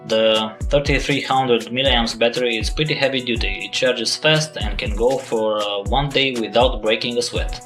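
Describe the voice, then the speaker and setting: Guy w a russian accent doing a phone review, easygoing, some quiet guitar music behind. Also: medium pitch, steady tone, normal speed, hardly any pauses, rough recording. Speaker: tech reviewer host. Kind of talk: tech review narration.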